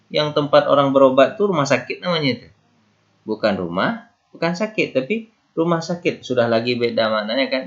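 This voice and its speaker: A man's voice: mid-range voice, fairly bright tone. Patient male grammar teacher, lo-fi. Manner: patient explaining with examples and rhetorical questions. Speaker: Arabic teacher. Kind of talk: grammar lesson.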